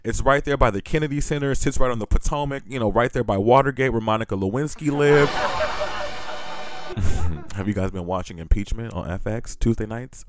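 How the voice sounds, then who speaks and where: A man's voice: medium pitch, normal speed, faint music behind. A man from Washington, D.C. hosting a podcast, telling a crude story with candid, comic storytelling and frequent laughter. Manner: crude, laughs often, chatty. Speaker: podcast host. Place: studio.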